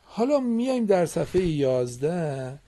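A man's voice: on the high side, big pitch swings, dark tone. A man teaching Quran reading on a radio program in a studio, patiently quizzing and encouraging his students. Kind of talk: radio classroom lesson.

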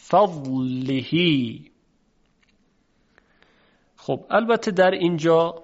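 A man teaching a tajweed pronunciation lesson, patiently explaining and slowly drawing out sounds to demonstrate them. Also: a little high, a little mellow. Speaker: Quran recitation teacher. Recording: dull, lo-fi recording.

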